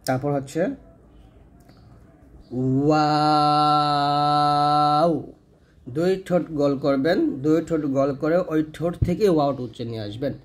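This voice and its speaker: A man's voice: fairly high pitch, mellow. Patient man teaching letter sounds. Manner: drawn-out, demonstrative letter sounds repeated slowly; patient, explanatory. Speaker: Quran reading teacher. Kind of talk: step-by-step pronunciation lesson.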